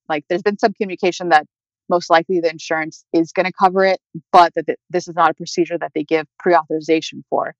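A woman's voice: fairly low pitch, no room sound. Woman tearfully retelling a hard story. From California. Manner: conversational, halting, with fillers and nervous laughs. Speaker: guest telling her story. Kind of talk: personal storytelling. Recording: dry, slightly muffled audio.

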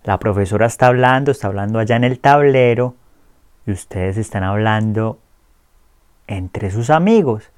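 A man teaching a lesson, speaking clearly and slowly modeling pronunciation for learners to repeat. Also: lowish voice, darkish tone, no echo, studio quality. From Colombia. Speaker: Spanish teacher. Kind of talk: language lesson.

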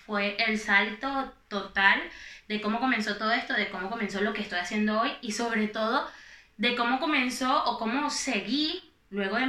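A woman's voice: on the high side, sharp tone. A Venezuelan woman in her thirties, a guest chatting animatedly and laughing often. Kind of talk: casual podcast chat. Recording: echoey room.

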